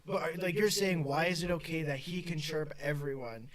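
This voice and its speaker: A young man hosting a casual sports chat, animated and full of quick restarts. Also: fairly high pitch, crowd noise. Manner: animated, quick back-and-forth with repeated restarts. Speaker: podcast host.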